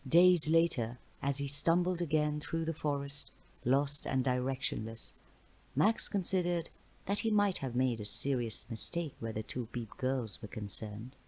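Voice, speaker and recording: A woman narrating a fantasy novella aloud in a measured, dramatic reading style. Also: very deep voice, a little mellow, low-quality recording. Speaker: audiobook narrator. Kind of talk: storybook narration.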